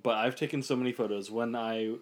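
A man's voice: medium pitch, steady tone, brisk. A man chatting casually on a podcast, rambling and restarting his sentences. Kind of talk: casual chat.

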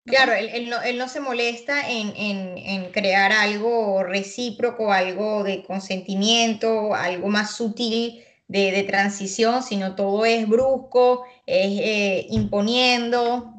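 A woman's voice: medium pitch, fairly even intonation, takes it slowly, few pauses, a bit bright. A woman co-hosting a casual analytical talk, thoughtful, repeating words as she searches for them. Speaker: co-host analyzing song lyrics.

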